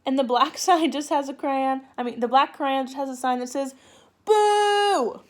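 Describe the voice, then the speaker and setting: Speaking fairly quickly in a high, steady voice, a woman who teaches children's read-alouds presents and reads a picture book to young kids. She keeps her language simple, child-directed and built around questions.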